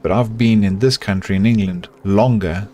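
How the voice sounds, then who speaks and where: A middle-aged South African man streams a colony-building game, chatting with his live chat and talking to himself as he builds. His fairly low voice moves at normal speed, relaxed and chatty, with a little hiss or hum in the recording.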